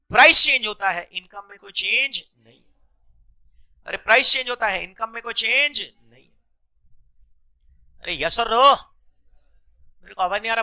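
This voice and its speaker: A man's voice: very high-pitched, sharp tone, smooth. A male economics teacher lecturing a class, mixing terms into his speech and constantly prompting students to answer back. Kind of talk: classroom lecture with call-and-response questions.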